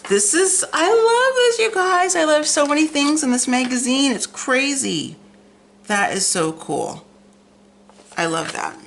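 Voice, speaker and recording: A woman's voice: deep voice, creaky, fairly bright tone, a little hiss or hum. A middle-aged American woman chatting casually and rambling through a craft vlog, gushing, with slightly imprecise, tongue-forward articulation. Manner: rambling, gushing over pictures. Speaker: craft vlogger. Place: at home, indoors.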